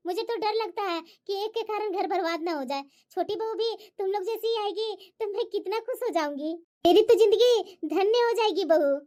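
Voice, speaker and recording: A woman voicing a gentle, worried older mother-in-law in a family cartoon. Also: very high-pitched, moderate pace, few pauses. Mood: fretful. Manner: soft, fretful, motherly. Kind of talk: cartoon voice acting.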